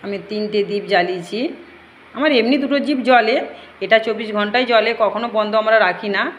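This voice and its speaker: A woman's voice: medium pitch, fast talker, lo-fi sound. A woman talking earnestly and pleadingly to viewers in a devotional home video, with faint noise behind her. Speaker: home shrine devotee vlogger. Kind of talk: devotional home vlog talk.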